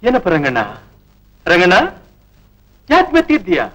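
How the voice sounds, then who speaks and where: Old film drama: pious potter, high and lively, bright tone, earnest. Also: male voice, normal speed, heavily acted, rough recording. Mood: concerned. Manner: earnest, heartfelt scolding. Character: devout pious male potter, gentle and earnest. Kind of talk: 1970s Indian film drama.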